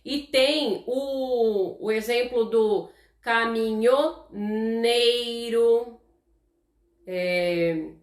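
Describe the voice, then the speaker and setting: A Brazilian woman whose voice sits on the high side hosts a live online class, and the recording sounds roomy. With a Brazilian Portuguese accent, she explains slowly and patiently, keeps up a chat with viewers, and repeatedly asks "tá?"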